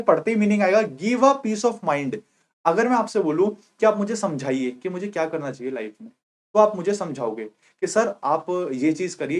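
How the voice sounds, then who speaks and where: A young man with a high voice teaches an exam-prep vocabulary class. He goes over each meaning again and again and keeps checking that his students have understood. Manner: repeats points, asks 'clear?' often.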